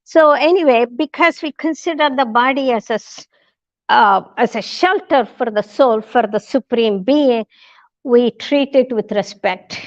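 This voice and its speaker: Woman guest speaker, storytelling lecture, slightly high voice, dull and dry recording. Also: dry recording. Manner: halting, many restarts and fillers, acts out quoted lines.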